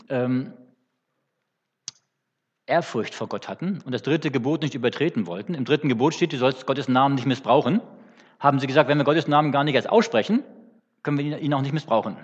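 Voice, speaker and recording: A man preaching an unscripted teaching sermon in a church hall, pausing often with fillers and restarts. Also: mid-range voice, slightly rough. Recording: dull sound with long church reverb.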